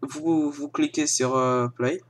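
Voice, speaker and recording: A man's voice: fairly high pitch, steady tone, takes it slowly. A young French-speaking man casually walking viewers through film sites, hesitant, full of fillers and self-mocking asides, filmed one-handed on a phone. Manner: hesitant, many fillers and restarts. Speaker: YouTuber showing film sites. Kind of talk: casual screen-recording tutorial. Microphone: filming with a phone held in one hand.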